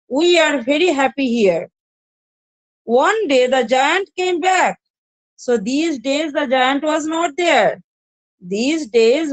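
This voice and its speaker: In an online class, a woman teacher with an Indian English accent explains a story to her students line by line, repeating each point. Her voice is high-pitched, and the recording is rough but has no echo.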